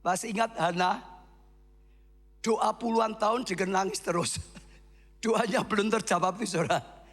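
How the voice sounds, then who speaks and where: A man preaching a sermon as pastor, swinging from quiet asides to shouted exhortation. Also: high voice, normal speed, long reverb tail.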